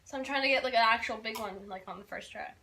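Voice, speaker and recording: High-pitched lively woman in an echoey room. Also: quick pace, recorded from a distance, slight background noise. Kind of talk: casual chat, prompting others.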